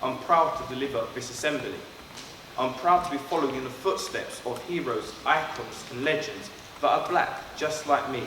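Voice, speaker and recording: A man's voice: mid-range voice, moderate pace. A man from London, born in Trinidad, leading a school assembly and speaking earnestly and directly to pupils. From born in Trinidad, raised in London. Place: school hall. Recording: echoey hall, far from mic, background noise.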